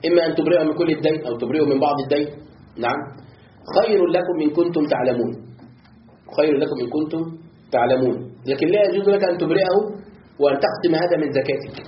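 A man with a voice on the high side teaches a classroom lesson on Quran commentary, going phrase by phrase and questioning his students. The recording is roomy, dull and lo-fi, with slight background noise.

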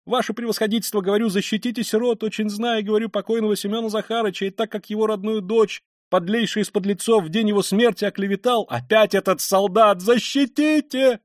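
A man voicing a shrill, frantic consumptive noblewoman. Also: quick pace, no room sound, studio quality, lightly acted. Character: feverish consumptive impoverished noblewoman, proud and hysterical.

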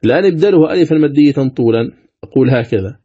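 A man giving a Quran recitation lesson, explaining step by step and chanting examples with long, drawn-out vowels. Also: on the high side, expressive, mellow, slightly rough. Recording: dull lo-fi recording.

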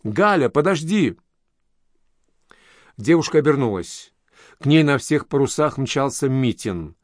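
Calm male audiobook narrator, dry sound. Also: medium pitch, moderate pace, dry recording.

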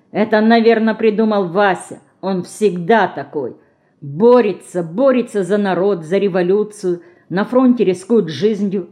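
A woman from Russia narrating an audiobook in a measured, expressive storytelling manner. Her voice sits at an everyday middle pitch for a woman. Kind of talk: scripted narration.

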